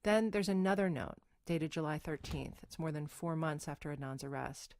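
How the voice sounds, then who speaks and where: A woman narrating an investigative podcast in a measured, wry storytelling manner. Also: low voice, fairly even intonation, darkish tone, no room sound, studio quality.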